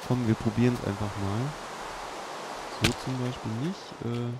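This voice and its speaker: A man hosting a let's play, giving unhurried, chatty running commentary with many fillers. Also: medium pitch, fairly even intonation. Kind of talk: casual gameplay commentary. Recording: clear background hiss.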